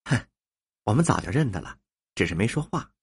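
A man voicing a reserved young male opera performer in a storybook reading, soft and husky. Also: lowish voice, sing-song, brisk, pitched below the performer's own voice, heavily acted.

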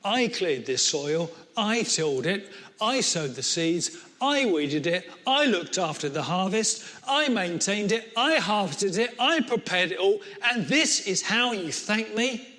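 Give me a preacher putting on an indignant, jealous young farmer, voice pushed high and loud. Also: male voice, very animated, measured pace, hardly any pauses, exaggerated voice. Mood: furious. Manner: indignant, listing grievances. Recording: long reverb of a hall.

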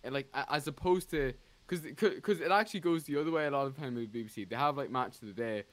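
A man's voice: mid-range voice, fast, no echo. A man co-hosting a football podcast, rambling and restarting his sentences in casual chat. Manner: rambling, restarts often, animated. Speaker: podcast co-host.

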